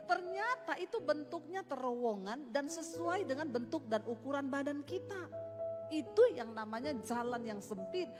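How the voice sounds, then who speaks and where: A woman preacher giving a sermon, telling her own story and talking straight to the congregation, stretching out the key phrases. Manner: testimonial storytelling, addresses the congregation directly; shifts in pitch and pace, drawing out key phrases.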